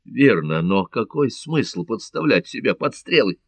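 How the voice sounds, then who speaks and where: Careful respectful sailor voiced by a man, low voice, keeps warning the others, dry audiobook. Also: very animated, unhurried, vocal fry, slightly rough, dry recording, exaggerated voice. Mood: wary. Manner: cautious, warning. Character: wary male sailor from Catalonia, cautious, respectful.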